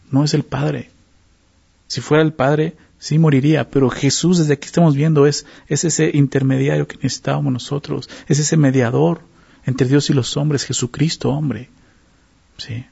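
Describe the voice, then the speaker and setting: Gravelly-voiced man preaching a sermon. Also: mid-range voice, a little mellow. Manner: conversational teaching with frequent tag questions; repeats words while searching for phrasing. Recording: dull lo-fi sound.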